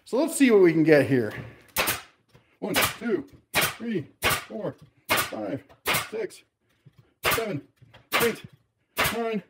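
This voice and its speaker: Slightly high-voiced guy in his garage shop testing tools, jokey and chatty. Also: sing-song, slow, pauses often, heavy background noise. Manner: wisecracking, talks while working. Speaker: tool reviewer host. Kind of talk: casual product review. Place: home workshop garage.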